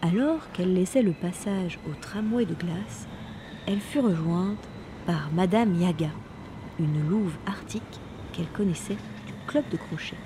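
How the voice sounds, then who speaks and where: A woman narrating a Christmas storybook with lively, playful delivery and little sound words. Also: fairly low pitch, a little slow, background noise.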